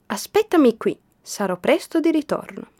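A woman voicing a kind, hopeful girl who plants magic seeds, in a storybook reading with bright, eager lines. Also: high-pitched, sing-song, normal speed, voice pushed up.

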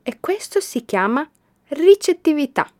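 A woman voicing a kind, hopeful girl who plants magic seeds, in a storybook reading with bright, eager lines. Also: high voice, very animated, unhurried, pitched above the performer's own voice.

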